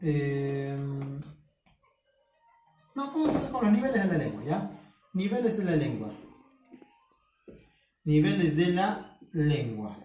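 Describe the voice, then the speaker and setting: A man teaching a home-schooling language lesson, explaining slowly, repeating key words and asking himself questions as the student would. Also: on the high side, sing-song, mellow, distant mic, slight background noise. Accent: Peruvian Spanish. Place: home room. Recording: echoey room, voice from off the mic.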